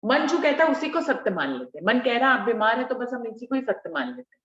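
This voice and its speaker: A woman leading a devotional scripture discussion, explaining verses slowly and repeating key phrases for emphasis. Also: on the high side, sing-song, a bit bright, reverberant, dull audio. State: slightly unwell. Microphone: video call.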